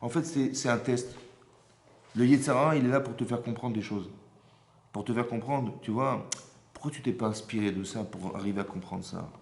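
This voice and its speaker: Rabbi guy teaching a class, lively and chatty, keeps asking if you get it, room echo around him. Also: mid-range voice, normal speed, gravelly. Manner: animated, keeps checking with rhetorical questions. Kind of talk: informal Torah lesson. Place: synagogue hall. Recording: roomy hall echo.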